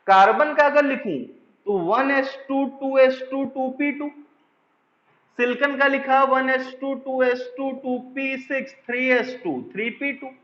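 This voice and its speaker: High-voiced male chemistry teacher, echoey room. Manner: explains step by step, asks and answers his own questions, dictates slowly for notes. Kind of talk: classroom lecture. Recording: echoey room, dull lo-fi sound.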